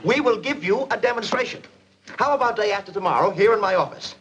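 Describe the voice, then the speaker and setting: An actor playing an excitable middle-aged businessman boss in a 1940s film, blustering and theatrical. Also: high voice, quick pace, slightly rough, exaggerated voice. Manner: blustering, theatrical, swings from loud to hushed. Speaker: company boss. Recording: old film soundtrack with faint hiss.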